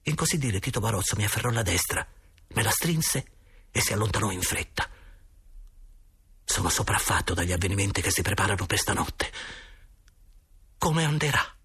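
Husky low-voiced male narrator. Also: a little fast. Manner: animated, acts out the scenes. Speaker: audiobook narrator. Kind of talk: expressive storybook narration.

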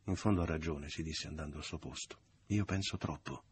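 A man narrating a novel as an audiobook, in a measured, even literary reading. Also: very deep voice, slight background noise.

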